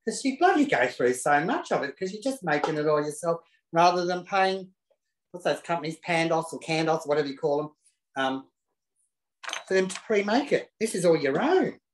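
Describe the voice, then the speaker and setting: Here the host's fairly high, sing-song voice moves at an ordinary speed, with a little hiss or hum in the audio. He's running a laid-back live cooking show from his home kitchen, camp and gossipy with cheeky quips, captured by a camera he placed himself amid roomy echo.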